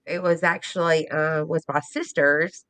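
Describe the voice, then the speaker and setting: A woman's voice: sits low, fairly even intonation, measured pace, fairly bright tone, no room sound. A woman hosting a casual live stream, chatting in a rambling way and laughing often. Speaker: livestream host.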